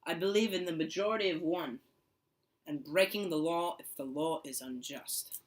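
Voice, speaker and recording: A man's voice: fairly high pitch, normal speed, lightly acted, rough recording. A young man playing a proud male nonconformist writer in an amateur school skit, reciting prepared lines plainly. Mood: steady. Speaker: interview guest in a school skit.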